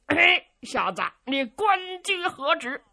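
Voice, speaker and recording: A woman's voice: high-pitched, big pitch swings, slow pace, creaky, pushed and bright, pitched above the performer's own voice, heavily acted. A woman voicing a naive, simple-minded young giant of a man, with a childlike, blunt, cheeky way of asking questions.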